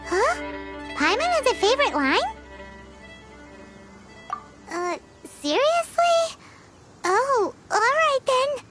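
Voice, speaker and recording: Paimon, squeaky tiny fairy companion. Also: female voice, sing-song, takes it slowly, exaggerated voice. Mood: flustered. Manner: speaks of herself in third person, exclaiming. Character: tiny excitable childlike fairy companion, female, chatty and dramatic. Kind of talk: video game character voice acting. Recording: music behind the voice.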